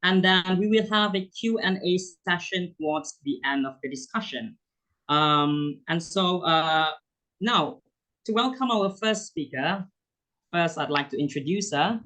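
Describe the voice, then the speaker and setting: A young man, a student intern, moderating a virtual panel with formal, halting introductions. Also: high voice, expressive, bright, forceful tone, rough recording. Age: young adult.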